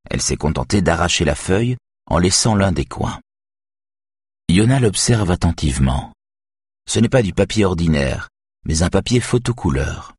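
A man reading a crime novel aloud as narrator, in a steady, even way. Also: sits low, slightly rough, no echo, studio quality. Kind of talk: audiobook narration.

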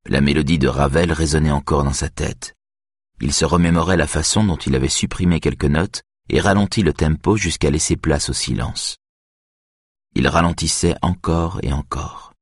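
Deep raspy guy reading a novel, slow and somber, super dry mic. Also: no echo. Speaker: narrator. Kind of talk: audiobook narration.

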